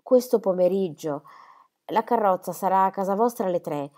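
A woman voicing a calm middle-aged male country doctor who speaks in a measured, reasoning way. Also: medium pitch, close to an everyday voice.

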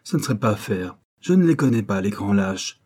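A man's voice: on the low side, animated, brisk, a little mellow, slightly rough. A man voicing a cocky young male street rascal in an audiobook, grumbling and indignant in slangy speech.

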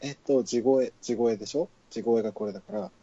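A man's voice: medium pitch, lively intonation, fairly quick, gravelly, dark tone, breathy edge, dry recording, highs cut off. A man hosting a bar-themed online chat show, joking and teasing his guest. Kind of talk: casual chat.

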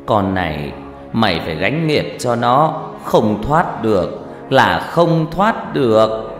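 Guy putting on a possessed medium as a grim old grandpa ghost, slow heavy scolding, lots of reverb, faint music behind. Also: lowish voice, big pitch swings. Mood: grave. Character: possessed medium speaking as a stern dead grandfather.

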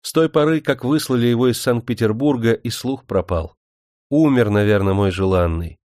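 A man voicing a blind young Roma woman, tender and sorrowful, speaking softly and plaintively. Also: mid-range voice, normal speed, no echo, studio quality, lightly acted. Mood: wistful. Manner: soft, plaintive.

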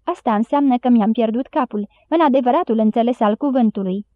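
A woman's voice: on the high side, no room sound, natural voice. A woman voicing a fretful, tearful old male doctor in an audiobook. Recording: dry, tinny phone-like sound.

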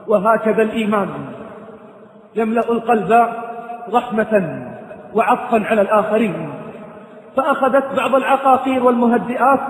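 A male preacher tells a moral story, calling out to his listeners with dramatic flair. His voice sits very high, and a long, roomy reverb trails every phrase. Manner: addresses listeners directly, dramatic. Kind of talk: sermon storytelling narration. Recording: echoey hall reverb.

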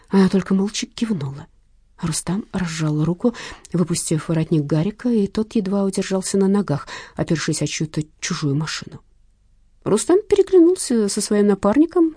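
A woman reading a first-person audiobook with expressive storytelling. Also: mid-range voice, slightly rough, no echo, clean studio sound. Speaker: audiobook reader.

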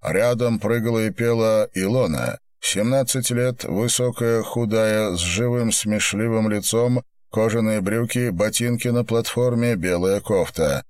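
A man narrating an audiobook in a measured, expressive reading. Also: fairly low pitch, no room sound.

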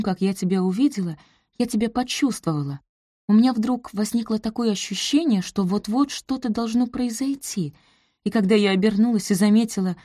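A woman voicing an eager, emotional young woman in love, talking in breathless, high exclamations. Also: warm tone, no room sound, clean studio sound, natural voice.

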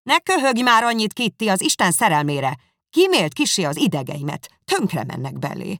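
A woman's voice: fairly low pitch, wildly swooping pitch, fairly bright tone, no echo, clean studio sound. A woman reading aloud and voicing a fussy, nervous middle-aged mother who complains and scolds. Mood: fretful. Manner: fretful, reproachful outbursts.

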